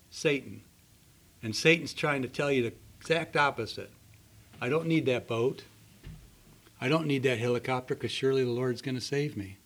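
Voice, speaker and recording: A man's voice: mid-range voice, fairly bright tone, husky. A man preaching a sermon, telling stories earnestly and acting out the people in them. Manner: earnest storytelling with voiced characters.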